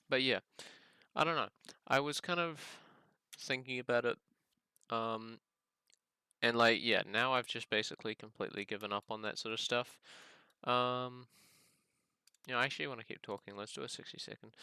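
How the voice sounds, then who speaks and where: A man's voice: medium pitch, gravelly, pushed and bright, smooth, no echo. A man chatting casually over gameplay as a streamer, musing aloud in a rambling way as he plays. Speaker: gaming content creator and live streamer.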